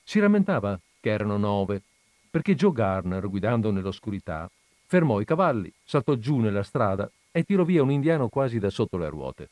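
A man's voice: fairly low pitch, very animated, normal speed, a little mellow, no room sound. A man reading a short story aloud, with chatty asides before he starts the reading. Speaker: reader of short stories. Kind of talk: reading literary fiction aloud.

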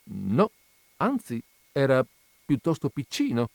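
A man's voice: medium pitch, huge pitch swings, takes it slowly, vocal fry, darkish tone, dry recording, pitched above the performer's own voice, exaggerated voice. A man reading aloud, voicing a grieving widow who grows indignant and exasperated.

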